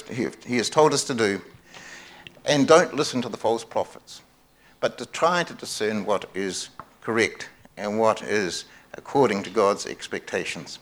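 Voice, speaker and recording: A man's voice: mid-range voice, fairly bright tone. A man preaching a sermon at a microphone, earnest, repeating key phrases for emphasis and often restarting his sentences. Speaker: pastor.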